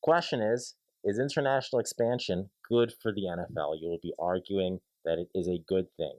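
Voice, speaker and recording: A man's voice: deep voice, steady tone, fairly quick, a little mellow, no echo. A man hosting a comedic sports debate show, teasing and playful with the panel. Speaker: host.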